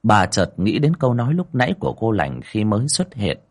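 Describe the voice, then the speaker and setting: A man's voice: lowish voice, sing-song, brisk. A man narrating a horror story with dramatic storytelling. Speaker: audiobook narrator.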